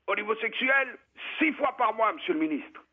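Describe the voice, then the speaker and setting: Eager young paratrooper, high clipped replies, put on by a male caller; phone-line audio. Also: expressive, moderate pace. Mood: dutiful. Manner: crisp, high-pitched military answers.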